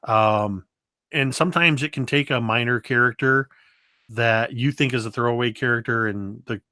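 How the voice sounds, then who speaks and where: A man guesting on an interview, telling game-table stories in a lively, animated way. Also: medium pitch, moderate pace, no room sound, studio quality. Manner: lively storyteller, does voices and moves around. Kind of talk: casual interview talk.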